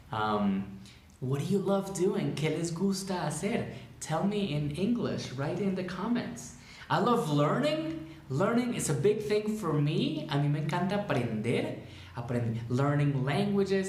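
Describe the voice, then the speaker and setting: Profesor colombiano en una sala con eco. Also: male voice, fairly high pitch. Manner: switches between Spanish and English, repeats words slowly to model pronunciation; encouraging, reads viewers' comments aloud. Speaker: English teacher. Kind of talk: live-streamed bilingual lesson. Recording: echoey room.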